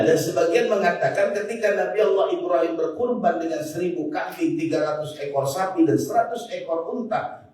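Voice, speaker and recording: A man's voice: sits high, warm tone. A man with a Betawi accent preaches a joking sermon, often turning to address the audience directly. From Jakarta, Indonesia. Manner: jokes and often turns to the audience to address them. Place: large mosque hall. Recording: very echoey hall, voice from far off, faint noise.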